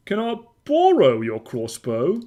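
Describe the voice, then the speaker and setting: An earnest, naive fantasy-game adventurer, probing and deliberate. He speaks slowly in a lightly raised register with lively intonation. Music plays behind him. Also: fairly high pitch, lo-fi sound. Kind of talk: fantasy video game dialogue acting.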